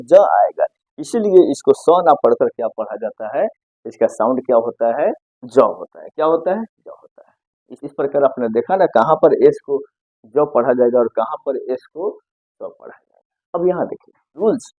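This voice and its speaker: A man's voice: on the high side, dark tone, no echo. A male teacher giving a pronunciation lesson, spelling words out letter by letter and repeatedly asking and answering his own questions. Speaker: English teacher. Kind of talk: grammar lesson. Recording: muffled, dry close recording.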